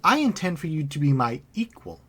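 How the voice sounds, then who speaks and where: A man voicing an eerie, faceless female spirit that collects souls, speaking in a calm, sing-song, menacing way. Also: on the high side, fairly quick, husky, exaggerated voice.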